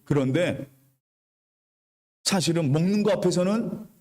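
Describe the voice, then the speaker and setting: A man's voice: a little high, a little slow, a little mellow. Preaching man in a reverberant church. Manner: preaching with call-and-response to the congregation; retells the story in colloquial storytelling tone. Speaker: pastor. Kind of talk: sermon. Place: church sanctuary.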